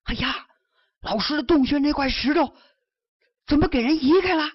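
A woman's voice: lively intonation, normal speed, no room sound, lightly acted. A woman storyteller voicing an anxious, tearful young woman disciple who cries out urgently. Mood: alarmed. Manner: urgent high exclamations. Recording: dull lo-fi recording.

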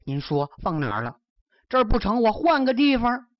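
A woman's voice: very animated, moderate pace, no echo. A woman storyteller voicing an anxious, tearful young woman disciple who cries out urgently. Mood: tearful pleading. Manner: urgent high exclamations. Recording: dull lo-fi recording.

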